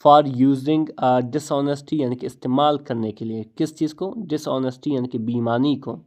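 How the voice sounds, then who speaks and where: A man's voice: medium pitch, darkish tone. Man translating a story line by line. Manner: explains each English phrase, repeats himself, asks and answers his own questions. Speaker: English teacher.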